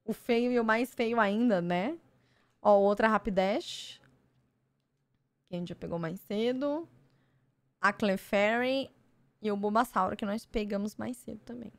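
A woman's voice: mid-range voice, a little slow, pauses often, dry recording. A young woman streamer with a Brazilian Portuguese accent, chatting casually while opening cards and gushing over the art. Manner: gushing, easily excited exclamations. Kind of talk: casual card-opening chat.

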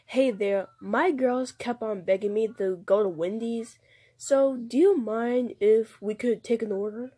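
A woman's voice: on the high side, a little slow, warm tone, breathy edge. A woman voicing a patient, firm doll mother ordering for her daughters in a doll play. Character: weary doll mom with demanding daughters.

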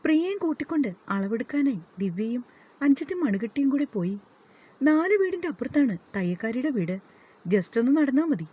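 A woman narrating a family story, gently voicing the relatives' lines now and then. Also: high-pitched, very animated, brisk, slightly rough. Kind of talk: scripted story narration with dialogue.

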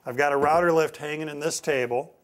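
Wearing a lapel mic in an indoor woodworking shop, a middle-aged instructor with an American accent walks through a demonstration step by step and stresses key points by repeating them. His voice is a little high and fairly bright, brisk, with fairly even intonation.

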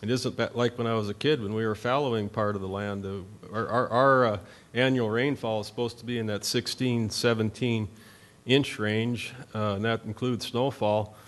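A man's voice: lowish voice, steady tone, normal speed, few pauses. A middle-aged man from North Dakota, a farmer on a conference panel, talking in a plain, rambling way with many fillers. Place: conference meeting room at a podium.

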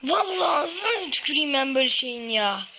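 A woman's voice: high voice, very animated, a little fast, over a noisy crowd. A woman giving casual commentary while playing a mobile shooter, grumbling and swearing in frustration. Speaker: gamer streaming a mobile battle royale.

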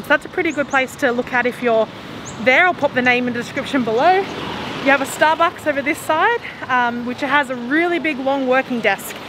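Street noise and traffic surround a young woman on a casual walking vlog as she holds a camera at arm's length in the city. Her voice is on the high side, and she rambles cheerfully, laughing often.

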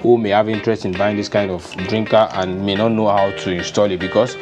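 Brisk and lowish, with little movement in pitch, a young Nigerian-accented man demonstrates a farming DIY task step by step in an informal, unscripted way. Music plays in the background of the open-sided, concrete-floored poultry house where he works.

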